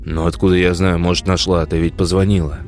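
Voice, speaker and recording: A man's voice: sits low, level tone, a little fast, darkish tone, soft background music, lightly acted. A man voicing a weak, bedridden older father in an audiobook, in a voice close to his own. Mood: weary. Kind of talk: audiobook character voice.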